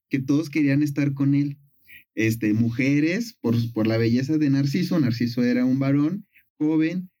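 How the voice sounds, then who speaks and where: A man's voice: on the high side, dark tone, muffled recording. A man casually retelling a myth on a chat show, playful and full of fillers. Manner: playful, storytelling with lots of fillers.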